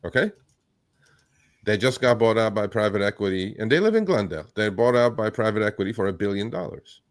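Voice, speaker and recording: A man born in Turkey, hosting a live chat, talking bluntly and with profanity, telling animated stories. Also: on the low side, a little fast, no room sound, studio quality. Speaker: host. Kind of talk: casual livestream chat.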